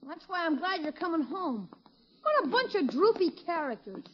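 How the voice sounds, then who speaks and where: A woman's voice: very high-pitched, very animated, moderate pace. A woman playing a brash, impatient American schoolboy in a slangy, complaining way in an old radio comedy. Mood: eager, griping. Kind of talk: 1950s radio comedy acting. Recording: muffled old radio recording.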